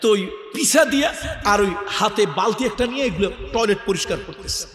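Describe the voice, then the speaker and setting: A man preaching a sermon with a Bangladeshi regional accent, emphatic and building to loud repeated lists. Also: sits high, animated, brisk. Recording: echoey hall, reverb.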